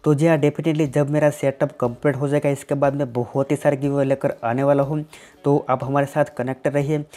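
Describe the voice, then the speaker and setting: This Gujarati-speaking host from Gujarat, India tackles viewer tech questions in straightforward explanations, reaching again and again for "definitely" and "simply." He talks fairly quickly in a mid-range voice, dark in tone and flat in delivery.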